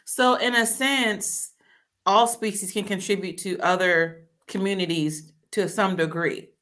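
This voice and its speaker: Her voice sits in the mid range, with fairly even intonation, a measured pace, and a somewhat bright tone. She is the host of an easygoing interview, talkative and quick to laugh; she grew up in a military family and learned Korean as her first language.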